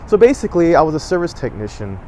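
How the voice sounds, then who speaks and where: A man's voice: a little high, big pitch swings, fast, a little mellow, a little hiss or hum. A middle-aged man from Southern California telling a personal memory to camera, rambling with fillers and self-corrections, getting emotional as he talks. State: emotional, choking up. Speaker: vlogger.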